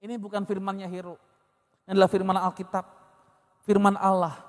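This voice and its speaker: A pastor preaching a conversational sermon with personal stories, with an Indonesian accent from Medan. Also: male voice, sits high, level tone, fairly quick, in a large hall.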